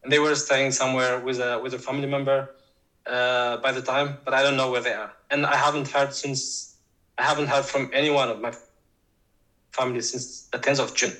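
Man with a bright voice. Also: mid-range voice, little pitch movement, brisk, low-quality recording. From Tigray, Ethiopia. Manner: hesitant, many fillers and restarts. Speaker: guest activist. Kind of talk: interview answers.

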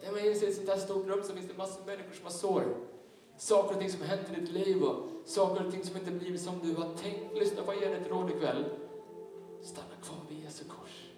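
A man's voice: sits high, steady tone, mellow. A man pastor delivering a sermon in a large church hall, fervently urging his listeners to respond. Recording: echoey hall, mic far off. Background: worship music.

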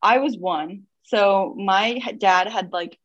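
A woman's voice: medium pitch, slow, dry recording, muffled recording. A young woman from Missouri, a guest in a casual interview, reflecting on her life with many "um"s and "like"s. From Missouri, United States. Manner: relaxed, reflective, lots of fillers like "um" and "like".

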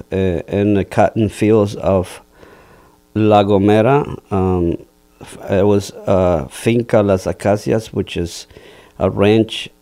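Slow, deep-voiced man from Guatemala. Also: dark tone. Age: 40s. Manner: halting, many fillers and restarts. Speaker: interview guest. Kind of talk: personal life story in an interview.

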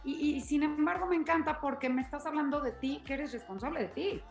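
A woman's voice: high-pitched, fairly quick, gravelly, echoey room, faint music behind. A woman host, explaining things earnestly and with emphasis in a conversational interview.

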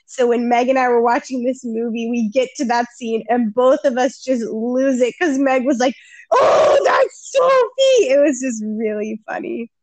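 A young woman with a high, bright voice chats with a friend on a podcast, laughing a lot and acting out scenes as she retells them. The sound is close and dry, with no room echo at all. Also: normal speed, few pauses. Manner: giggly, animated, acts out quotes. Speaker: podcast co-host. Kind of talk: casual chat.

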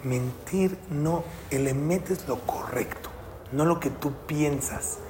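Rabbi teacher, male, animated classroom lesson, fairly high voice, echoey hall. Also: takes it slowly. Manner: animated, keeps quizzing listeners with "sí o no". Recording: echoey hall with faint noise.

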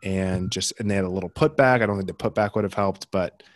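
A man's voice: low-pitched, fast, dry recording. A young American man co-hosting a podcast, chatting casually about basketball results with plenty of fillers and restarts. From United States. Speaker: podcast co-host. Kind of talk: casual sports chat.

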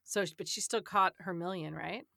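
A woman's voice: lowish voice, fairly even intonation, moderate pace, creaky, pushed and bright, dry recording, studio quality. A woman co-hosting a podcast, reading trivia aloud and chatting about it casually, laughing often. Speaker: podcast co-host.

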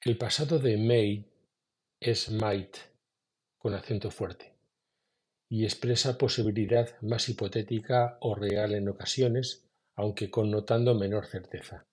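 A man teaching English in a scripted podcast lesson, explaining at a measured pace and saying each example slowly. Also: lowish voice, fairly even intonation, husky.

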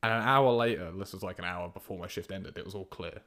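A young man with a lowish voice, chatting casually on a podcast. He rambles through a work story, trips over his words and breaks into laughs as he goes. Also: quick pace, a bit bright. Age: young adult. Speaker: podcast co-host. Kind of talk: casual chat.

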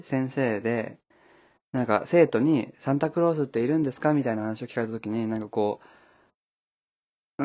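A man's voice: mid-range voice, a little mellow. A man hosting a casual solo podcast from home, rambling with many fillers and laughing often. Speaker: podcast host. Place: at home, wrapped in a blanket.

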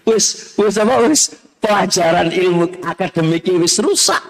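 A middle-aged man with an East Javanese accent teaches a religious study class, his voice sitting somewhat high for a man. He slips Javanese phrases into his talk and speaks straight to his listeners, chiding them now and then. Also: normal speed. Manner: mixes Javanese phrases into Indonesian, scolds and addresses listeners directly.

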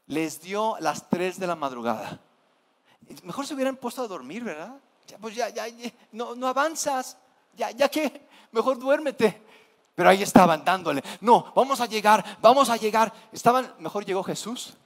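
A Mexican pastor preaching a sermon in a high, lively voice. He tells the story animatedly, slipping into acted-out voices for the characters. His words ring out with the long echo of a church hall. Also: moderate pace. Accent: Mexican Spanish. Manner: animated storytelling, acting out scared disciples in high cries.

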